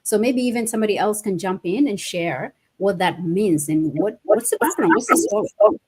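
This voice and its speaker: Husky woman host inviting guests in. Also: medium pitch, very animated, moderate pace, darkish tone, dry recording. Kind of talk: hosting a radio panel.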